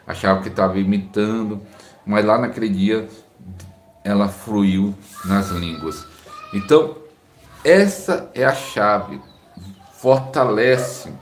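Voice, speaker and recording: A man's voice: lowish voice, echoey room, a little hiss or hum. A man with a Brazilian Portuguese accent, a pastor preaching live and reading viewer comments aloud while encouraging the people who wrote them.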